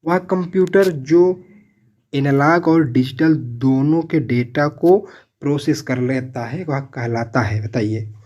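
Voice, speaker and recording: A male tutor works through exam questions one at a time, reading out the options and then repeating each answer several times so it sticks. His voice sits at an ordinary middle pitch. The recording is a little dull and lo-fi. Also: takes it slowly, darkish tone. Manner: addresses viewers as friends. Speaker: exam coaching teacher. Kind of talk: quiz-style exam prep lesson.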